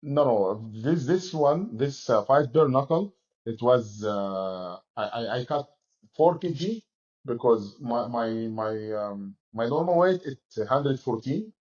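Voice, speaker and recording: Speaking from a gym locker room, a man in his 40s from Egypt who fights and coaches responds to an interviewer in broken English with many restarts. He has an expressive, medium-pitched, darkish voice, heard on dull audio.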